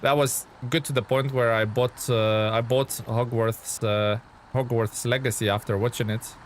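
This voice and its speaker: This is casual live-stream chat from a Lithuanian man who reads out and responds to viewer comments, padding his speech with plenty of fillers. He speaks at a moderate pace in a mid-range voice with fairly even intonation, and there's slight background noise.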